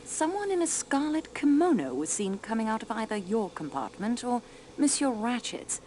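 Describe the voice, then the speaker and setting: An actress voicing a polite, formal French woman investigator in a video game, calm and dryly courteous. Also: on the high side, normal speed, slight background noise. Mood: cool. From France.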